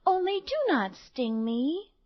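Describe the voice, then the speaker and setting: Woman doing a sweet little storybook girl, real high n sing-songy, stretches words out. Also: expressive, no room sound, lo-fi sound. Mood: kindly. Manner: sing-song, drawn-out phrases. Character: sweet, innocent, kindly little girl of fairy tale.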